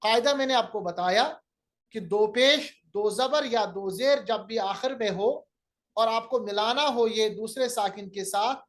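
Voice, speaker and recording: Slow-paced male recitation teacher. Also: sits high. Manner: patient, repeats each rule and example, draws out syllables to model recitation. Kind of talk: classroom lecture on recitation rules.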